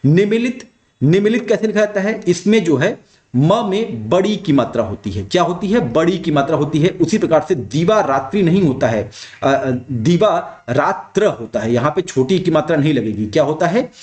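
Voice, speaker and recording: A man's voice: fairly high pitch, lively intonation, moderate pace, a little mellow. A man teaching spelling for an exam, who asks a question and then repeats the answer himself, with some hesitant fillers as he explains. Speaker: Hindi exam tutor. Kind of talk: exam practice lesson.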